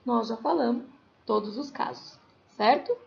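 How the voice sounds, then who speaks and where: Brazilian woman teacher, high and gravelly, patient step-by-step class explanation, slightly dull lo-fi recording. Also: unhurried. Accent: Brazilian Portuguese. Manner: checks in with tag questions. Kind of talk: recorded class lesson for children.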